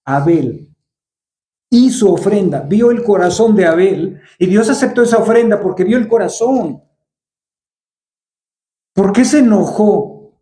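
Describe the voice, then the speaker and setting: Pastor guy preaching, keeps asking why you get mad, mellow tone, roomy church echo. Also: high voice. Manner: rhetorical questions, acts out quoted dialogue. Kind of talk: sermon. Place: church hall.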